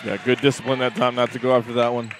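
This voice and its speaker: A man adding color commentary to a volleyball broadcast, relaxed and agreeable as he breaks down plays. His voice sits in a middle pitch, with faint background noise on the recording. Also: fast talker, a crowd in the background. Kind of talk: sports commentary.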